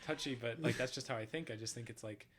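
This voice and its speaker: A man's voice: mid-range voice, fast talker, a crowd in the background. A young man hosting a casual podcast, easygoing, asking short questions and laughing along. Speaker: podcast host.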